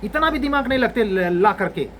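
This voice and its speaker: A man's voice: sits high, animated, normal speed, fairly bright tone, slight background noise, poor audio. A man in his forties, an exam coaching teacher, giving students a blunt, exasperated scolding lecture.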